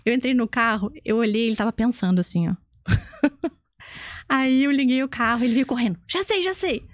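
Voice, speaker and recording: A woman, a guest image consultant telling a story in a casual interview, animated and laughing often. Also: on the high side, fairly quick, dry recording, clean studio sound. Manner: animated, acts out quoted voices, laughs often.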